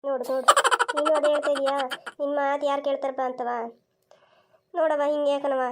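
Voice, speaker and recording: Cartoon comedy scene with a woman playing a grumbling old mother-in-law who scolds everyone and complains nobody listens to her. The voice sits high, with rustic village talk full of grievances. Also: flat delivery, quick pace, a little mellow, close to an everyday voice. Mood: complaining. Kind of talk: cartoon voice acting.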